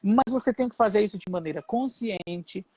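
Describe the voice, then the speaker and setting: A male pastor with a Brazilian Portuguese accent explaining in a measured, conversational sermon style, pausing and restarting as he goes. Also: sits high, a little mellow, dry recording.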